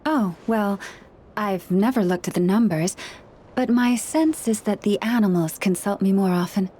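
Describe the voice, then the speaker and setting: In a medium-pitched voice close to how she'd normally talk, a woman portrays a gentle young Moon Chanter from a video game. Calm, measured and earnest, the character counsels people and animals with care, and a little hiss or hum is audible.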